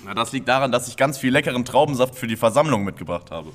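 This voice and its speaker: A man playing a proud, noble male knight, declaiming loudly. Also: medium pitch, expressive, fast, soft background music, natural voice. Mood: cheerful. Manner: grand, declaiming, loud.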